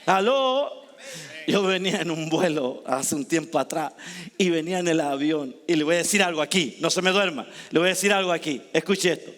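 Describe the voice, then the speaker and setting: A middle-aged man preaching a charismatic sermon, with emphatic loud bursts and slow, low drawn-out lines. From Chile. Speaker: apostle preaching.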